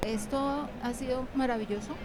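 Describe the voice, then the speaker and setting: A woman who is an author and teacher answers interview questions reflectively and haltingly, repeating short phrases. Her high voice stays steady, and music plays underneath.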